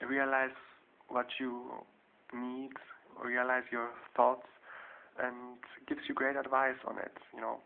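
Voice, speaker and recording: Halting man, slow gravelly tinny audio. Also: medium pitch. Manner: halting, many fillers and restarts. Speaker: video tutorial maker. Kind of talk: casual explanatory how-to. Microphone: handheld camera mic. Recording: tinny lo-fi camera audio, faint hiss.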